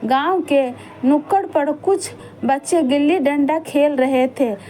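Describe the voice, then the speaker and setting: A woman narrating a moral story in a steady, plain storytelling manner. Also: sits high, a little slow.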